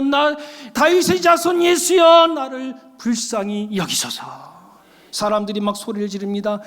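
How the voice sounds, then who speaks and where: A man's voice: very high-pitched, a bit bright. A man preaching a sermon as pastor, emphatic and calling out often to the congregation. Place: church sanctuary. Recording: long church hall reverb.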